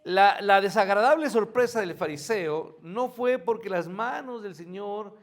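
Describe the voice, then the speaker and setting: A man with a high voice and a slightly slow delivery preaches a morning church sermon. His teaching style is conversational: he often poses questions to the congregation, answers them himself, and adds homely asides.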